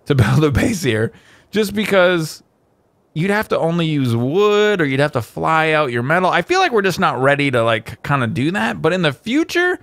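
A man's voice: on the high side, big pitch swings, normal speed, a bit bright, no echo. A man hosting a video game, rambling through casual commentary with lots of fillers and self-corrections. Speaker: gameplay video host.

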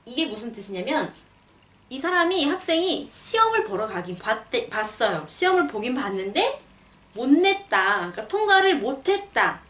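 A young woman explains a language lesson with a high, lively voice. She reads example sentences slowly and clearly. The sound is roomy and set back from the mic. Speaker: language teacher. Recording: roomy, a bit far from the mic.

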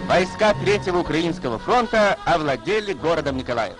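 A man's voice: a little high, big pitch swings, fairly quick, over music, rough recording. A man reading scripted wartime narration for a 1940s newsreel in a solemn, declamatory announcer delivery. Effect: 1940s newsreel voice-over. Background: orchestral score.

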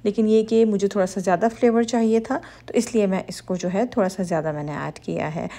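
A woman narrates a baking tutorial over her cooking footage, guiding viewers step by step. Her voice is mellow and warm-toned, sitting at an ordinary middle pitch. She sounds instructive and reassuring throughout. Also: fairly quick. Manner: instructive, reassuring, addresses women viewers directly. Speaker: cooking channel host.

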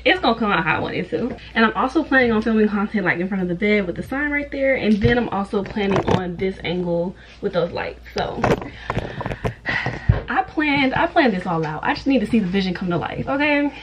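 A woman's voice: mid-range voice, expressive, fast, hardly any pauses, dull audio, noisy background. A woman, chatting casually to viewers in a vlog from her college apartment bedroom. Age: 20s. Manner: chatty, addresses viewers as y'all. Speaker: vlogger.

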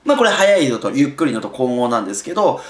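A man's voice: medium pitch, quick pace. A man coaching parents on reading aloud, his voice rising and falling freely as he explains. He keeps things casual and conversational, with easy asides. The sound is roomy and echoey. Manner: lively, chatty, with casual asides. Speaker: childcare educator.

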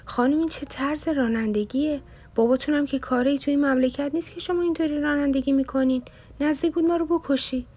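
A woman's voice: on the high side, steady tone, dark tone, slightly rough. A woman reading the part of a cheeky young male student who cracks jokes through teasing mock curses. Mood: mock-scolding. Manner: mock-cursing, teasing banter.

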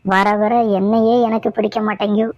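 A woman's voice: mid-range voice, flat delivery, moderate pace, close to an everyday voice. Woman voicing a sulky cartoon daughter-in-law. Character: young daughter-in-law, mopey and sly. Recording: dull lo-fi dry audio.

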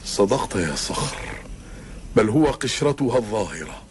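A man's voice: lowish voice, sing-song, normal speed. Grave Bedouin father, swooping delivery. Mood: resigned, grave. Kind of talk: solemn classical Arabic historical TV drama acting. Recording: old TV soundtrack with background noise.

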